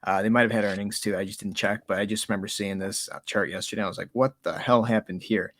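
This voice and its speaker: A man co-hosts a markets show in fast, profane casual chat, ranting with agitation. His voice sits a little low, and the recording is dry and close. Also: little pitch movement, a bit bright, no echo.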